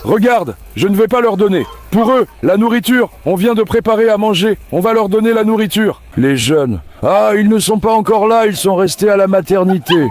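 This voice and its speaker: High-voiced man coaxing his dogs. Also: expressive, moderate pace, few pauses, darkish tone. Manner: coaxing, affectionate calls to the dogs. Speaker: dog breeder feeding his dogs. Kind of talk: casual vlog narration while feeding dogs. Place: outdoor farm with dog kennels.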